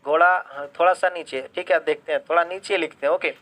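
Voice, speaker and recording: A man's voice: on the high side, fairly even intonation, fast talker, fairly bright tone. A man teaching English grammar in a live online class. He asks questions and answers them himself, drops English phrases into his Hindi explanation, and keeps checking whether students understand.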